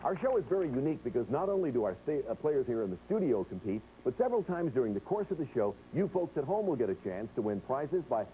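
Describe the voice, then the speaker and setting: A man's voice: mid-range voice, very animated, fast, hardly any pauses, warm tone, slight background noise, poor audio. A man hosting a game show, chatting directly to players and viewers as he explains rules and reads quiz questions. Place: television studio.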